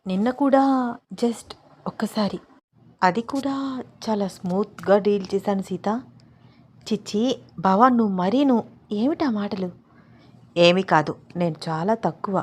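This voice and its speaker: A woman's voice: unhurried, pauses often, breathy edge. Woman voicing a teasing young husband. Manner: low, murmuring, teasing.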